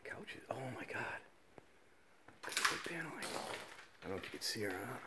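An urban explorer films his way through derelict school buildings indoors, giving hushed walkthrough commentary, often whispering and exclaiming in awe. His mid-range voice is very animated at normal speed. Heavy background noise fills the recording.

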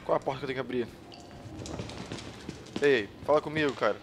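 Jumpy and anxious while playing a horror game, this man from Brazil swears and makes nervous jokes as he streams. He speaks a little fast at medium pitch, with game music beneath and a very noisy recording.

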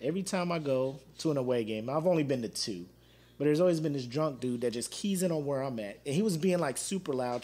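A man hosting his own show, chatting casually and telling an animated story full of slang and laughter. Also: mid-range voice. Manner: waves at viewers watching live. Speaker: podcast host. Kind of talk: casual solo chat.

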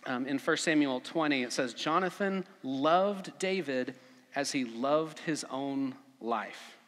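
A man preaching a conversational sermon as pastor at a pulpit microphone, relaxed, with frequent fillers. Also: medium pitch, takes it slowly. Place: church sanctuary. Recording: long church reverb.

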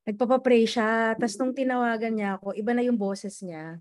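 A woman's voice: on the high side, steady tone, normal speed, no echo. Earnest Filipino woman sharing a testimony. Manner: earnest, mixing in English, with restarts. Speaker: prayer group member. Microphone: video call.

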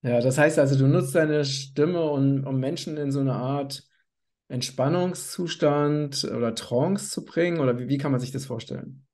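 A man's voice: mid-range voice, moderate pace, darkish tone. A man hosting an interview, asking friendly questions and affirming with frequent mhm's. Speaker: podcast host.

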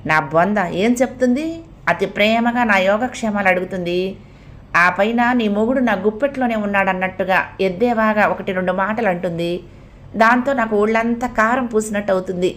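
A woman's voice: mid-range voice, natural voice. A woman reading the lines of an irritated young wife complaining bitterly. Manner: slow, exasperated complaining.

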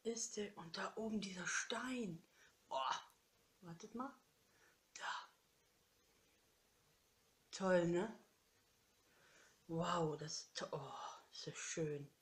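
A woman's voice: on the low side, slow, long pauses. A woman craft vlogger chatting casually while unboxing a holiday swap parcel, gushing and laughing often.

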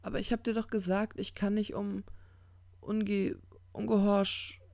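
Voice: medium pitch, flat delivery, measured pace, creaky, darkish tone, no echo, studio quality, pitched above the performer's own voice. A reader playing a drunk, muddled angel. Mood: earnest. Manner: slurred, searching for words. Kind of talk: audiobook character reading.

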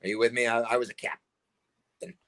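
A combat sports promoter from Massachusetts joins a casual video call as a guest from an indoor room at home, picked up by his webcam. He rambles, often asking "you know what I mean," in a medium-pitched, slightly bright voice with flat delivery at normal speed.

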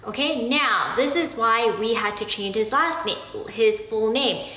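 A woman from Korea explaining something slowly and patiently, often checking in with "okay?". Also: a little high, pushed and bright, echoey room, low-quality recording. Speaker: family vlogger explaining Korean naming. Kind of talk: casual explanatory talk to camera.

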